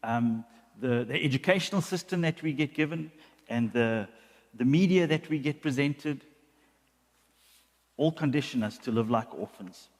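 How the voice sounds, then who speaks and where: A man's voice: mid-range voice, expressive, moderate pace, long pauses. A male pastor preaching a sermon, often repeating words as he builds a point. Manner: repeats words when building a point, acts out quoted voices. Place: church hall. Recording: long church hall reverb.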